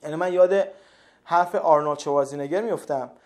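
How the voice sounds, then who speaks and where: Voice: mid-range voice, a little mellow. A motivational speaker giving a monologue to viewers, emphatic, stacking repeated phrases for effect.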